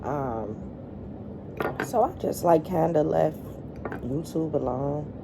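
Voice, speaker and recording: A middle-aged woman vlogger chatting casually to her viewers while eating, in a halting, colloquial way. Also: deep voice, gravelly, background noise.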